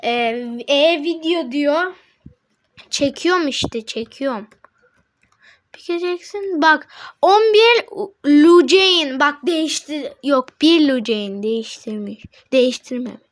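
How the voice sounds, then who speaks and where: A woman doing casual gameplay commentary, excitedly reading out chat messages to her viewers and breaking into laughing shouts. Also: takes it slowly. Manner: excitable, addresses viewers as friends, reads chat aloud; bursts into high laughing shouts. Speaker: gaming channel host.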